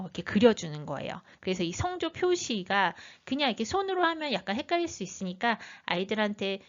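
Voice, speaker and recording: A woman teacher giving a lively training talk, acting out sounds as she would for young children. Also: mid-range voice, highs cut off.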